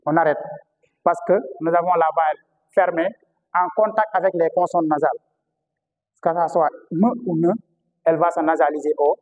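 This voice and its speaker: A man's voice: fairly high pitch, darkish tone. A man with a Senegalese French accent teaching historical phonetics to a class, often repeating key words and asking rhetorical questions. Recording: reverberant classroom.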